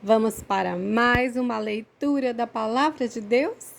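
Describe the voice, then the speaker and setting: A Brazilian woman reading the Bible aloud for children, with measured, clearly phrased delivery. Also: on the high side. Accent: Brazilian Portuguese. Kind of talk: read-aloud scripture reading.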